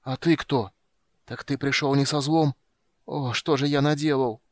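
A man's voice: mid-range voice, steady tone, measured pace, no room sound, studio quality, voice pushed up, natural voice. A man reading aloud, voicing an anguished, frenzied old elf king in an audiobook. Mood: bewildered. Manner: anguished, crying out.

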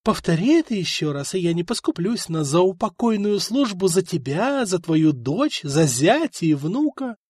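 A man's voice: high-pitched, big pitch swings, moderate pace, hardly any pauses, a little mellow, dry recording, studio quality, voice pushed up. A man voicing a proud noblewoman princess who speaks coldly and firmly, in a storybook reading. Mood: threatening. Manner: cold, firm, disdainful.

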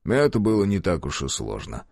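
Man doing a calm, weary police chief. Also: sits low, no room sound, clean studio sound, heavily acted. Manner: calm, measured and slow.

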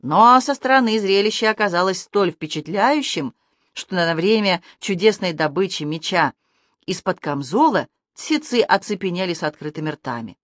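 A lively audiobook narrator tells a fantasy adventure with a medium pitch that leaps higher and louder in the fast scenes. The recording is dry and close, with no room sound. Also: dry recording. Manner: lively expressive reading that shifts pitch and loudness for action.

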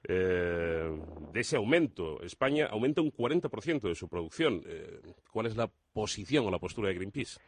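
A man's voice: lowish voice, very animated, normal speed, slight background noise. A man hosting a radio interview, reading an intro and asking questions with hesitant fillers. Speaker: radio host.

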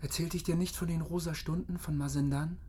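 An actor playing a menacing, mocking, jealous phantom in a radio drama, theatrical and swinging between hushed and shrill. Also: male voice, fairly even intonation, brisk, breathy edge. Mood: menacing calm. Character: menacing, mocking, jealous male phantom tormenting a young woman. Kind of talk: German radio drama acting.

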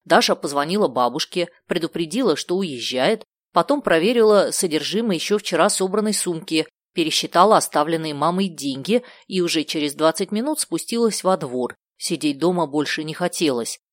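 A woman narrating a children's book in a steady, clear storytelling manner. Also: low voice, moderate pace, few pauses, no echo, studio quality. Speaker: audiobook narrator. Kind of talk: scripted narration.

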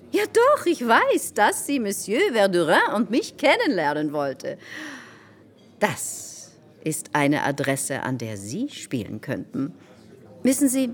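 In a radio drama, an actress with a fairly low female voice plays a gossipy, self-important salon hostess. She confides in a theatrical way, insinuating and insistent.

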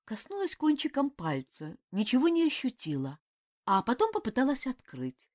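A woman narrating a fantasy audiobook in an expressive, animated reading. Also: high voice, normal speed. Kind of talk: scripted narration of a fantasy novel.

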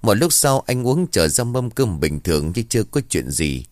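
A man narrating a rural ghost story in a steady, even storytelling manner. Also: on the low side, moderate pace, no echo, studio quality.

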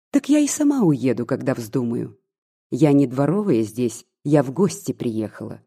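A reader voicing a spiteful, gossiping old maid who mocks and pries, with a husky, mellow voice. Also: mid-range voice. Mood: indignant. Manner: mocking, scolding, prying.

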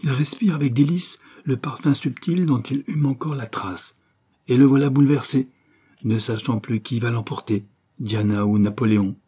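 A man reading a serial novel aloud as an audiobook, in a measured, expressive storytelling manner. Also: mid-range voice, slightly rough. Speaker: audiobook reader.

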